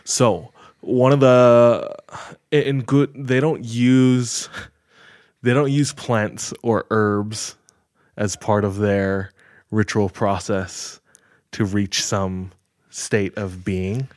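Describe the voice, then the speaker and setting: Man, low voice, slow unhurried pace, dry close sound, casual storyteller. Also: steady tone, darkish tone, dry recording. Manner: measured, retelling with filler words. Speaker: podcast host telling a story.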